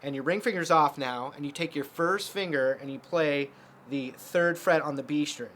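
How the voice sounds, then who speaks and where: A man's voice: a little high, normal speed, a bit bright, a little hiss or hum. A man teaching a casual guitar lesson, explaining chords step by step with lots of fillers.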